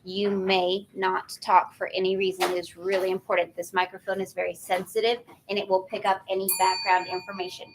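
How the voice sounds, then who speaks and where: A woman's voice: medium pitch, little pitch movement, fairly quick, hardly any pauses, background noise. Firm woman instructing students. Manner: firm, instructive, repeats rules. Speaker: spelling bee organizer. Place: school event room.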